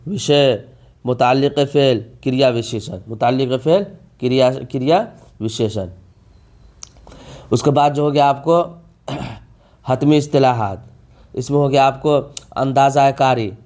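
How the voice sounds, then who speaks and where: A man's voice: mid-range voice, darkish tone. A man, teaching an exam-prep vocabulary lesson, repeating each term and asking rhetorical questions. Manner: drawn-out emphasis on key words.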